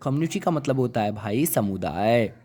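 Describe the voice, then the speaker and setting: A man's voice: medium pitch, animated, moderate pace, warm tone. A man teaching with repeated questions. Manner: repeats words and quizzes listeners with questions; coaxing, calls listeners brother and child. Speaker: English vocabulary teacher. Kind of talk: classroom lecture.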